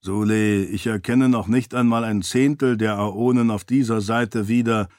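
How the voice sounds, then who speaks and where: A man voicing a big, calm, skeptical male friend who questions and protests mildly. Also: fairly low pitch, normal speed, no room sound, clean studio sound, natural voice.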